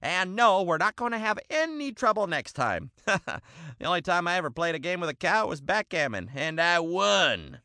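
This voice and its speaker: A man voicing an excitable male dog who hosts a bird show, hammy and quick to lose his temper. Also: high voice, no echo, clean studio sound, exaggerated voice. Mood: showy. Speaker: show host. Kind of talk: cartoon voice acting.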